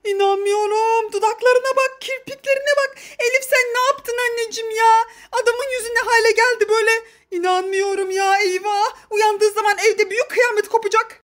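A mother filming a family vlog, excitedly narrating and scolding her daughter in a dramatic, exclamatory way. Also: very high voice, a little fast, hardly any pauses. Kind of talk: dramatic play-acting narration for the camera.

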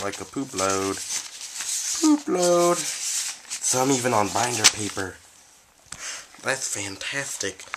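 A man's voice: on the low side, noisy background. A sick, stuffy-voiced man hosting a casual vlog, reading letters aloud with playful asides. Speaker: vlogger host.

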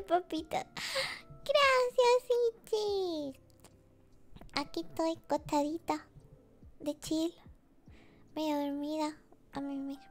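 Very high-voiced cutesy woman streamer. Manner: cutesy, giggly, sleepy and soft-spoken. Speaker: VTuber streamer. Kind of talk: relaxed casual chat with viewers. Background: faint music.

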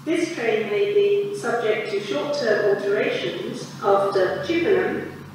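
On a railway platform, a prerecorded woman's voice delivers automated public address announcements through the station loudspeakers, its spliced-together words falling into measured, evenly clipped phrases. The medium-pitched voice sounds reverberant against a noisy background of station ambience.

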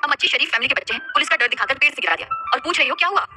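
A woman's voice: on the high side, expressive, racing, over music, lightly acted. A woman voicing a blunt, grumbling young man, the hero's friend, in a read-aloud story.

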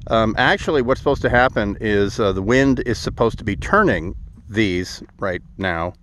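A man's voice: fairly low pitch, normal speed, fairly bright tone, slight background noise. A middle-aged man vlogging to a phone held at arm's length outdoors, dry and sarcastic, with many "uh" fillers. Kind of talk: sarcastic to-camera vlog. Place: outdoors at a desert wind farm.

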